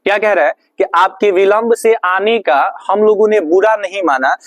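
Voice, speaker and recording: High-voiced teacher quizzing his class. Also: no echo. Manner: asks the class questions and answers them himself; slows right down to spell out English phrases. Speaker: English teacher. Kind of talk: classroom lesson. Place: classroom with students.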